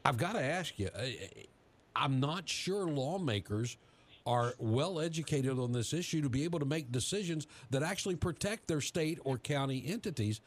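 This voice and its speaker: A man hosting a radio panel discussion, asking questions in a measured, deliberate way. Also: fairly high pitch, animated. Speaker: talk show host.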